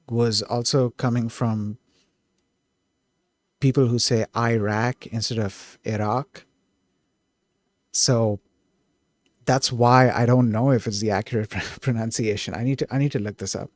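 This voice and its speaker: A man streaming himself coding, thinking aloud, who gets excited and keeps correcting himself mid-thought. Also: mid-range voice, no room sound. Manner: excitable, self-correcting, trails off and restarts.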